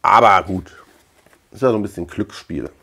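This voice is deep, creaky, bright, forceful, and slightly rough, at a moderate pace, belonging to a middle-aged man from Germany. A video collector and channel host, he rambles casually through a collection show-and-tell in a room whose shelves are lined with tapes, repeating words along the way.

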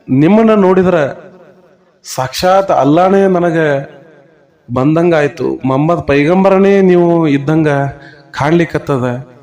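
A man's voice: on the high side, a little mellow. A man playing a grieving husband who begs a saint for help. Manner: pleading, emotional.

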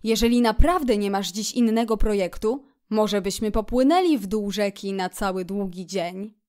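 A woman voicing a genial male water rat in a storybook reading, speaking in a grand, unhurried way and savoring each word. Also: medium pitch, a little mellow, clear, resonant tone, lightly acted. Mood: dreamy. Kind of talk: audiobook character voice.

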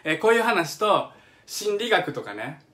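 A man's voice: sits high, very animated, unhurried, bright, forceful tone. Chatty middle-aged man with a Kansai accent. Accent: Kansai Japanese. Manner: eager, chatty explainer who hums examples and reads out viewer comments. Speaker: live-stream host. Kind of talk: casual live-stream talk explaining music. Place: home kitchen. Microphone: phone or webcam on a live stream.

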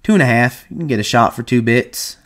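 A man's voice: medium pitch, lively intonation, fairly quick, a bit bright, close to an everyday voice. A man reading aloud and playing a chatty young ranch hand who talks in an eager, gossipy drawl. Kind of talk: audiobook reading.

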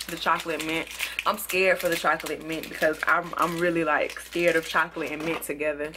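A young woman reviewing products in a casual, excitable vlog, sometimes talking with food in her mouth. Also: low-pitched, brisk, background noise. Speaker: beauty and product vlogger.

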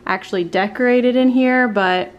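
A woman's voice: on the high side, moderate pace, clean tone, lo-fi sound. A woman, chatting casually about a home project in a bedroom. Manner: chatty, upbeat, uses y'all. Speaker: home vlogger. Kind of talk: casual chat. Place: bedroom being painted, indoors.

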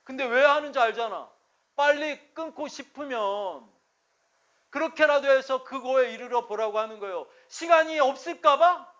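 A male pastor delivers a sermon in a strikingly high voice. His preaching is emphatic and conversational, with frequent rhetorical check-ins to the congregation. The recording sounds dull and lo-fi. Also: moderate pace, a bit bright.

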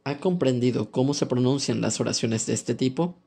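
A man reading an audiobook language lesson aloud in a calm, measured instructional way. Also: medium pitch. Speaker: language course narrator. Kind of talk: scripted audiobook narration.

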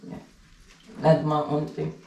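A woman's voice: sits low, monotone, slow pace, gravelly, warm tone, recorded from a distance. A woman vlogging from a bathtub during a photo shoot, chatting casually and giggling. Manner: giggly, playful. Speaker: vlogger in a milk bath shoot. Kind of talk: casual chat. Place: bathroom, in a bathtub. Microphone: action camera. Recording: echoey room from afar, with water noise.

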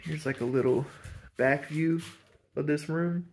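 An urban explorer host leads an enthusiastic, chatty tour of an empty old house, narrating casually into a handheld camera mic. His voice leans high, steady in tone and a little mellow, at a measured pace. There's slight background noise.

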